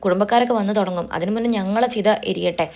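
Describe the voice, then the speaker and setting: A woman reads out a controlling middle-aged mother from a TV serial, scolding and pressuring her grown daughter. She talks at a very fast clip, with the everyday pitch of the narrator who puts her on. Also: darkish tone, lightly acted. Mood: angry, scolding.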